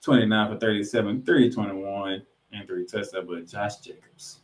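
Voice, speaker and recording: Speaking at a moderate pace in a fairly low pitch, this man hosts a sports podcast, running through a recap full of stats and hitting names and numbers with emphasis. His recording carries an echoing, roomy room sound.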